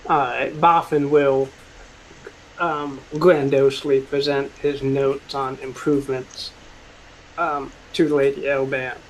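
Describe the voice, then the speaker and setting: Slow, hesitant man running a tabletop game. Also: mid-range voice, little pitch movement, slight background noise, poor audio. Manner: halting, hesitant, searching for words. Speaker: game master. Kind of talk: improvised tabletop game narration and dialogue.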